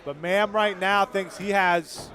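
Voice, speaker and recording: A man doing live play-by-play wrestling commentary, calling moves in short bursts and raising his voice to shouts at big action. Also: sits high, steady tone, measured pace. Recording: noisy live event, loud crowd around him. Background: crowd noise of a live wrestling event.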